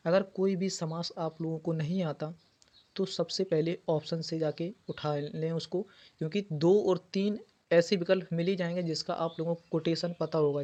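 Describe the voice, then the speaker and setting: A man's voice: on the high side, darkish tone. Patient male Hindi tutor, muffled audio. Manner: explains patiently, repeats key words. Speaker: teacher. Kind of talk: exam prep lesson. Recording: dull lo-fi audio.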